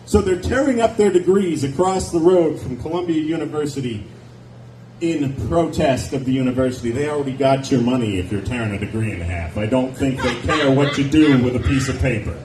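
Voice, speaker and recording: A man in his forties performs a stand-up set on a nightclub stage indoors, holding a handheld mic and trading sardonic, wry asides with the crowd in a chatty way. His voice sits in the mid range, slightly mellow, with lively intonation and a fairly quick pace. The club is echoey, and the recording is picked up from a distance with background noise.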